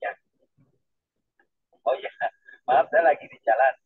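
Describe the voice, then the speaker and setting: Man from Makassar, polite caller driving, husky voice, choppy glitching audio on a dry, tinny phone line. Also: medium pitch, slow pace, distant mic. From Makassar, Indonesia. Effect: choppy audio breaking up on a call. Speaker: webinar participant. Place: in a car while driving.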